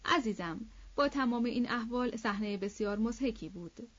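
A woman's voice: a little high, lightly acted. A woman reading the lines of a hearty, jovial, plump old male count in an audiobook, on a slightly dull recording. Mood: amused. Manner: hearty, laughing.

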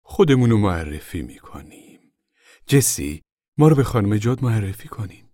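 A man's voice: fairly low pitch, very animated, mellow, no echo, clean studio sound. A man voicing a proud, stout woman who chairs a camp committee, speaking formally and weightily as if her words were rehearsed.

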